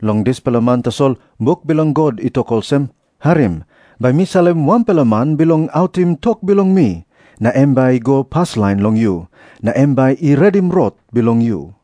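A man with a Papua New Guinean accent playing an earnest prophet who preaches deliberately in a dramatised scripture reading. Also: medium pitch, lively intonation, mellow, no echo, close to an everyday voice. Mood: earnest teaching. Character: Jesus, earnest preaching prophet addressing crowds.

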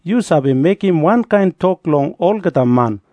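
A man with a Papua New Guinean accent playing a sly disciple flattering a teacher in a scripture drama. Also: on the high side, a little slow, dry recording.

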